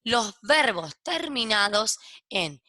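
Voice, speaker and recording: Bright, dry-voiced woman teaching English. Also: on the high side, big pitch swings, slow, no room sound. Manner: explains step by step, checks in with "¿ok?" after each point; switches between Spanish explanation and English examples. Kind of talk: recorded grammar lesson for kids.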